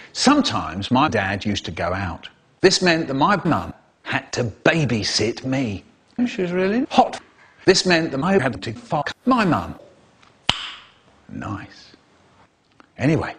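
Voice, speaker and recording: Highly animated male storyteller. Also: slow pace, slightly rough. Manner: very expressive, with sound-effect noises and voices. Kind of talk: animated comic story reading.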